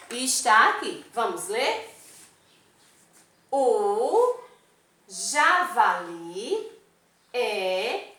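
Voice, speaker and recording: A woman teacher, giving a slow literacy lesson to young children, counting aloud and asking questions. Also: fairly high pitch, bright, forceful tone. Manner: asks many questions, counts aloud, tag questions like "não é isso?". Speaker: primary school teacher. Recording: echoey room, mic at a distance.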